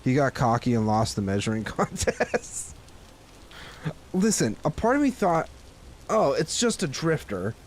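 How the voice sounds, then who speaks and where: A man's voice: mid-range voice, big pitch swings, a little slow, pauses often, slight background noise. A man casually commenting on his gameplay in a joking, wry way. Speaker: gameplay host. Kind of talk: casual let's-play commentary.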